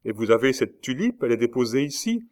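A man's voice: mid-range voice, very animated, fast talker, a little mellow, voice pushed up, close to an everyday voice. Brief: man doing a bold young tulip grower, pleading and insistent, audiobook reading. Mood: indignant.

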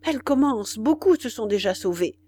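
A woman's voice: fairly high pitch, lively intonation, moderate pace, dark tone. Brief: woman narrator playing a flustered rebel underling reporting urgently to his chief, audiobook. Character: anxious male peasant rebel officer. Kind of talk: audiobook character voice.

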